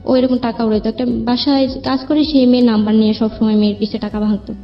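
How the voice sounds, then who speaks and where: A fast-talking young woman with a Bangladeshi accent recounts her life in an interview, her fairly high voice showing little pitch movement. Her telling is loose, colloquial and rambling. Music plays under the muffled, lo-fi audio.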